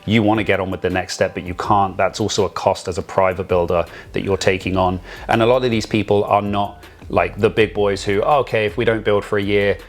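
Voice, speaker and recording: A man's voice: on the low side, fairly even intonation, brisk. A man co-hosting a real estate podcast, talking in a casual, rambling way with many restarts and the odd joke. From Vancouver area. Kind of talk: casual chat.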